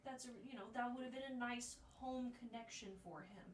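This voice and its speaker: A woman co-hosting a casual movie review chat, animated and often acting out lines from scenes. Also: on the high side, a little fast, a little hiss or hum. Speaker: co-host. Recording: echoey room.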